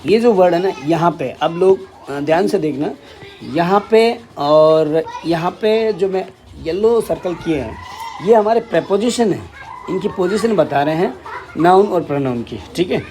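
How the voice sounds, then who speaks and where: A man's voice: sits high, lively intonation, a little slow, darkish tone. A man teaching an English grammar lesson in Hindi, explaining step by step and often checking with "ठीक है".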